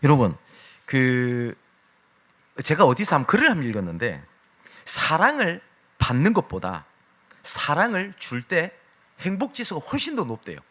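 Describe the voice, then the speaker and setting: A man preaching a Sunday sermon, telling stories with big swings between loud and hushed delivery. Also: a little high, huge pitch swings, normal speed, pauses often. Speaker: pastor. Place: church sanctuary.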